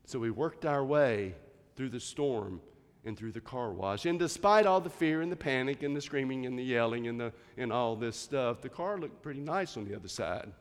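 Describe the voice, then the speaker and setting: A man preaching a sermon, telling a story in an animated way and acting out voices along the way. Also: mid-range voice, normal speed, in a large hall. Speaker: pastor.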